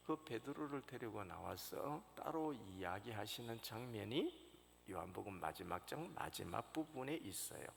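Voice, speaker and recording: Low gravelly pastor preaching, storytelling that swings loud then quiet, big church reverb and a faint hiss. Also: male voice. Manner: storytelling with sudden loud rises and hushed drops. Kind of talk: sermon. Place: church sanctuary.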